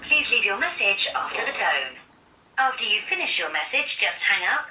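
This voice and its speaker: A woman's voice: medium pitch, normal speed. Polite voicemail woman over a phone speaker. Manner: polite, even, formal phrasing. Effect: played through a phone speaker. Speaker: automated voicemail greeting. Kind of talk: scripted recorded announcement. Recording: echoey, distant phone speaker with faint hiss.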